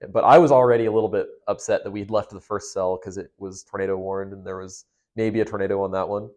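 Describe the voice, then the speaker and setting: A man's voice: fairly low pitch, fairly even intonation, quick pace, darkish tone. A young man, a storm chaser, casually recounting a past experience step by step in a conversational, detailed way.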